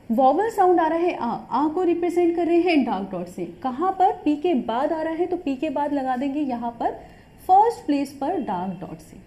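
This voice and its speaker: High, mellow-voiced woman teaching patiently. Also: muffled recording. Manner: patient, repeats points with frequent "ठीक है" check-ins. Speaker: shorthand teacher. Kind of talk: step-by-step tutorial explanation.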